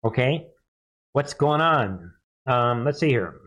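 A man's voice: medium pitch, lively intonation, takes it slowly, fairly bright tone. A man hosting a live news commentary stream, reading viewer comments and posts aloud in a hesitant, rambling way full of rhetorical questions. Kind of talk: casual livestream commentary, reading chat and posts.

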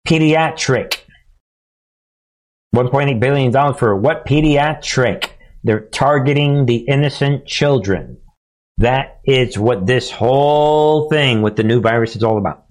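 A man delivers an alarmist, conspiratorial rant as a commentary host, taking his time. His mid-pitched voice moves in halting phrases, with a mocking, sarcastic edge. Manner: mocking, sarcastic, chuckling asides. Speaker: host of a political commentary show. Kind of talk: informal monologue news commentary.

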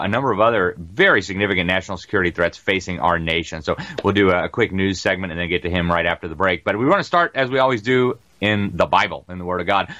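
A man hosting a talk show, delivering rapid, emphatic news commentary and ad reads with many "uh" fillers, calling his listeners "folks.". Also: sits low, a bit bright, dry recording, muffled recording. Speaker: show host. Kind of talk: fast-talking news commentary and ad read.

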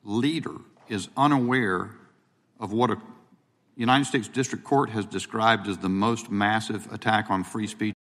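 A man serving as a congressman, asking measured, deliberate questions at a formal hearing, heard through corrupted, glitchy audio that keeps cutting out. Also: fairly low pitch, steady tone, fairly bright tone, big-room sound. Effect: corrupted glitchy audio that cuts out.

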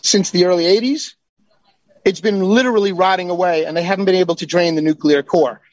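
A man's voice: high voice, brisk, darkish tone, no room sound, muffled recording. A man joining a talk show as a guest, talking bluntly and heatedly with some swearing. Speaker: call-in guest. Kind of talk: casual chat.

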